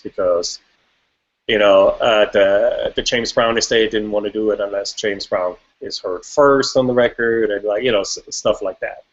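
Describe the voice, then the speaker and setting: A man from Switzerland, a music producer, talking casually in an interview, rambling with frequent restarts and fillers. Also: lowish voice. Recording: dull lo-fi audio.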